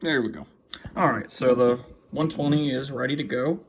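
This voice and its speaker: A hobbyist collector shows off his weather radios in a small, cluttered room at home, speaking casually and haltingly, half to himself. His voice is creaky and medium-pitched, and he mutters while handling the gear. Faint background noise, clicks, and handling sounds can be heard.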